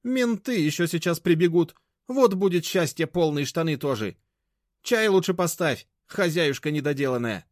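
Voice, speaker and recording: A man's voice: sits high, very animated, a little fast, few pauses, no echo, studio quality, pitched above the performer's own voice. Man voicing a feisty scolding grandma. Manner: scornful, scolding, bossy. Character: feisty sharp-tongued older grandmother.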